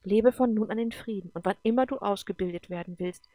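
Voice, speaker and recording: A woman reading the part of a wise female guardian spirit, speaking in a calm, earnest and consoling way. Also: medium pitch, a little fast, no echo, close to an everyday voice. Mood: gentle solemn.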